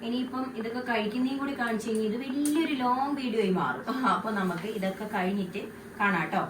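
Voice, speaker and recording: Cooking at home, a woman talks fast and a bit high-pitched in her casual vlog about food and daily life, chatting directly to viewers as "guys." She's recorded in her kitchen with echo, background noise, and the mic placed far away.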